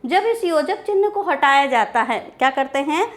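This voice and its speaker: High-voiced woman teaching grammar. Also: lively intonation, normal speed. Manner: repeats key terms and asks questions to herself. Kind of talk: classroom grammar lecture.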